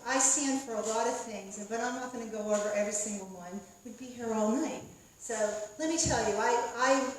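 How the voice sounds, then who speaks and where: A woman's voice: on the high side, slight background noise. A woman candidate gives a hesitant debate speech, full of fillers, losing her train of thought. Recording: echoey room from far off.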